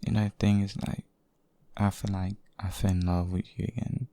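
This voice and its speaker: A man voicing a devoted, possessive boyfriend in an intimate, hushed ASMR role-play, speaking haltingly and tenderly. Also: low-pitched, little pitch movement, creaky, dry recording. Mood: hesitant, confessing. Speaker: audio role-play performer.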